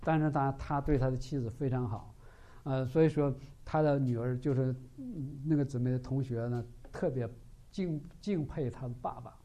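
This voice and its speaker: A man's voice: medium pitch, normal speed. A man preaching a sermon, telling a story and often asking rhetorical questions. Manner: animated, frequent rhetorical questions.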